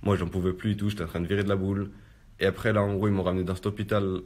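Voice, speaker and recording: A young man tells his story in a rapid, low-pitched voice. He speaks in loose street slang and keeps coming back to fillers as he talks. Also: little pitch movement, a little mellow. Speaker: storyteller recounting a personal ordeal. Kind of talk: casual spoken testimony.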